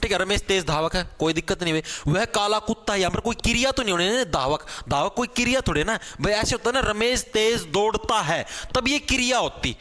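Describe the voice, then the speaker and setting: A male teacher leading a live online grammar class, energetic and pushing students to answer fast. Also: high-pitched. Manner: calls students "bhai" again and again.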